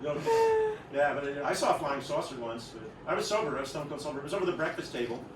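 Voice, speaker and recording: A middle-aged male comedian of Greek heritage works a private party, rambling and teasing the crowd. His voice is animated and sits a little high. It sounds distant in an echoey room, with loud party ambience behind him. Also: fast talker, background noise. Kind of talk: stand-up comedy. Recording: roomy distant party recording.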